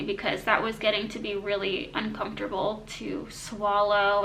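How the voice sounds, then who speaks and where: A woman's voice: fairly high pitch, bright, forceful tone, slight background noise, rough recording. A woman vlogger giving a casual, matter-of-fact personal health update, her speech slightly constricted by braces and rubber bands.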